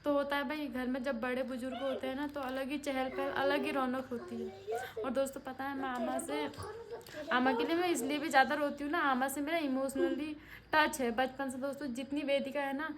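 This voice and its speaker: A woman's voice: high-pitched, fairly even intonation, moderate pace, a crowd in the background. A woman vlogging about family, speaking to her viewers in a tearful, heartfelt way, recorded on a phone at a village home. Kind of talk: emotional family vlog talk.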